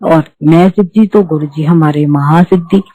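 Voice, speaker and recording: A middle-aged woman giving testimony as a devotee speaks at normal speed in a low voice, earnestly recounting her spiritual story with repetitions and restarts. The sound is phone quality, with no room sound.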